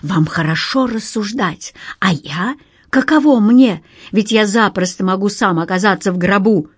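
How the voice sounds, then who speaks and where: A woman's voice: medium pitch, unhurried, husky, no room sound, studio quality. A woman voicing a panicky, hysterical young male banker in an audiobook, with frantic, sobbing pleas.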